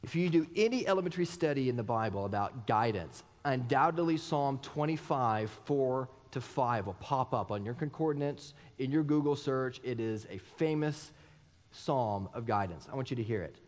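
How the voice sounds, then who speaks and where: A man's voice: medium pitch, lively intonation, normal speed. A man in his thirties preaching a sermon as pastor, earnest and personal, asking many rhetorical questions. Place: church sanctuary. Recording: long church hall reverb.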